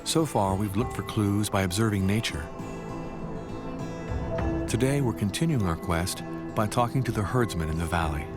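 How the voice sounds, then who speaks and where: A man's voice: lowish voice, normal speed, pauses often. A man reading scripted narration for a nature documentary. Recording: music under the voice. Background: background music.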